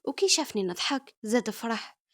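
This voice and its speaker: Algerian girl telling her story, talks fast, chatty. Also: a little high, very animated, fairly bright tone. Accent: Algerian Arabic. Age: young adult. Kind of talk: first-person story narration.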